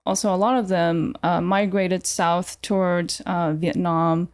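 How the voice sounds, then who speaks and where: The recording is dry, and the woman's lowish voice barely moves in pitch as she talks a little slowly. With a Californian accent, the artist answers podcast interview questions in a relaxed, informal, hesitant way.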